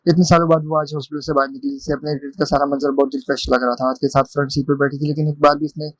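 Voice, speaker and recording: A man's voice: on the high side, level tone, racing, no room sound, low-quality recording. A man narrating a romance novel in a plain reading voice, with small restarts. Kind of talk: storybook narration.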